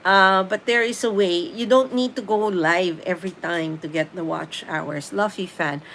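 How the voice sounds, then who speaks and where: A middle-aged Filipino woman from the Philippines, whose first language is Tagalog and who speaks with a Filipino accent, hosts a casual live stream, reading viewer comments aloud and answering with easy laughs. Her fairly low, slightly bright voice moves at a normal speed over a rough recording with a little hiss or hum.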